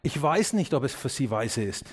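A man's voice: very animated, normal speed, slightly rough. A man preaching a sermon to his congregation, asking questions earnestly and speaking to them directly. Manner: drops low and quiet on key words, rises when urging. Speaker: pastor.

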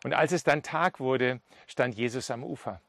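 A male preacher delivers a sermon, retelling scripture scenes with emphatic storytelling. His voice sits at an ordinary middle pitch. The recording is dry and close, with no room echo. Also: moderate pace, a bit bright.

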